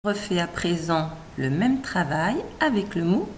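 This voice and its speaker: Slow, lively-toned woman teacher. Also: fairly low pitch, a little hiss or hum. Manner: slow, carefully segmented syllables, encouraging. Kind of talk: scripted reading lesson for young children.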